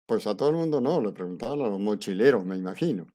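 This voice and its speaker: Man telling a lively personal anecdote. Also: on the low side, fast. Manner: lively anecdote, acts out quoted dialogue; conversational, with fillers and restarts. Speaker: astrology teacher. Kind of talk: storytelling in a class.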